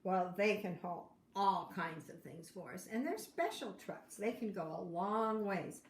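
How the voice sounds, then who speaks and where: A woman's voice: mid-range voice, expressive, measured pace. An older woman with a grandmotherly, encouraging manner reads a picture book aloud to young children, explaining simply and asking questions along the way. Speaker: storyteller reading to children. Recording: roomy echo, faint background noise.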